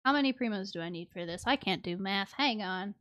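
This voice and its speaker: The speaker is a female game streamer whose mid-range voice is expressive, a bit bright, and a little fast, though the recording sounds muffled. Chatting casually during her livestream, she's playful and mutters little sound words to herself while music plays behind her.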